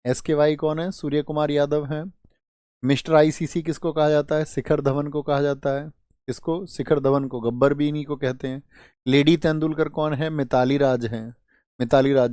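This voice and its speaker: A young adult male teacher quizzes his online exam-prep students, answering his own questions and occasionally scolding them with exasperation. He has a slightly high, slightly mellow, clean-toned voice, recorded dry at studio quality.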